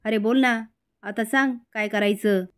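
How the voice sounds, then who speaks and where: A woman's voice: medium pitch, fairly even intonation, measured pace, smooth, close to an everyday voice. A woman voicing an angry middle-aged village mother who scolds and accuses her brother. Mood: scolding.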